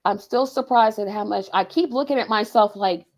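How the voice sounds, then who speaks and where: A woman in her forties hosts a podcast interview, chatting casually in a playful, self-teasing manner. Her mid-range voice moves at a moderate pace.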